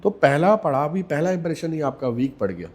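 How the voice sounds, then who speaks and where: Measured, emphatic male communication coach. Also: fairly high pitch, very animated, a little mellow, slightly rough. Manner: measured, emphatic, repeats key words, mixes English into Hindi. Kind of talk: podcast interview answers.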